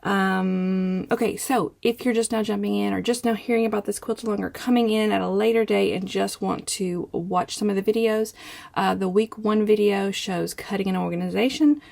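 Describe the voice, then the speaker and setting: A middle-aged woman hosting a quilt-along in a casual, conversational way, talking to camera in a room at home with a creaky voice. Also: mid-range voice, fairly even intonation, normal speed, darkish tone. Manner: conversational, informal. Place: small home sewing room, indoors.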